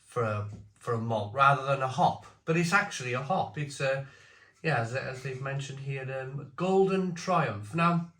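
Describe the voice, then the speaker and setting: A British man with a chesty cough gives a casual, halting review, often repeating phrases as he muses. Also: medium pitch, expressive, fairly bright tone. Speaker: beer reviewer. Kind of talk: casual spoken review to camera. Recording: echoey room.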